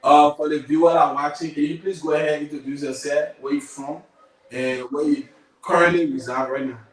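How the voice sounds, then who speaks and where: A man's voice: on the high side, fairly even intonation, fairly quick. Man, casual interview host, rambling, echoey studio, far off mic. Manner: loose, rambling, repeats himself.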